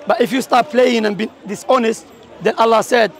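A man from Algeria preaching in a street debate, talking forcefully and mixing English with Arabic quotations. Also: very high voice, moderate pace, gravelly, some chatter behind. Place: outdoors at a public speaking corner.

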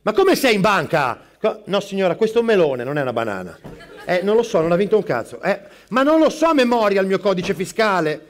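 Male comic as an overwhelmed, foul-mouthed barista; high-ish voice, rapid-fire live stage delivery. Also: very animated. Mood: frazzled. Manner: rapid-fire, juggling customers and calls, snapping asides. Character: frazzled middle-aged male barista, harried and foul-mouthed. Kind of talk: live stand-up character sketch.

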